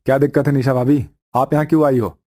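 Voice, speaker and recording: A man voicing a brash, rude young husband in a cartoon story, calling out loudly in a raised, higher voice. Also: fairly even intonation, fast, lightly acted. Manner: loud, calling out.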